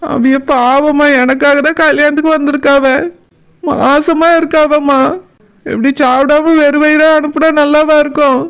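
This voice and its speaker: A woman's voice: high-pitched, level tone, normal speed, voice pushed down. Woman doing a tearful young village bride. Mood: pleading. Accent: Kanyakumari Tamil. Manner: soft pleading.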